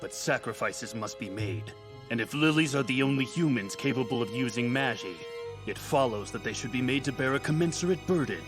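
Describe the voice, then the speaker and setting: A man's voice: medium pitch, lively intonation, brisk, close to an everyday voice. Smug cold official man voicing, talks down to people, music behind. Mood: condescending. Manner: condescending, cold. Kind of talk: anime English dub acting.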